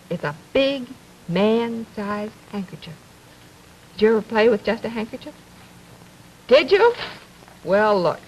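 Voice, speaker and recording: A woman presenting a 1950s children's television show, talking to young children in simple phrases with many questions and a gentle, drawn-out sing-song delivery. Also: a little high. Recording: noisy 1950s television archive recording.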